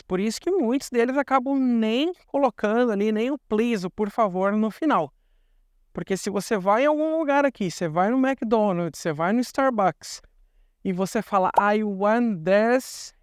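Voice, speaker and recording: A man's voice: very high-pitched, smooth, no room sound, clean studio sound. A young Brazilian man with a Brazilian Portuguese accent, explaining things in a chatty vlog and repeating words for emphasis. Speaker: vlogger.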